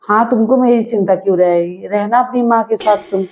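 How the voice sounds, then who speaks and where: A woman's voice: medium pitch, a little fast, darkish tone, slight background noise. A woman playing a sulky, sarcastic wife in a scripted family comedy skit. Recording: dull lo-fi home video sound.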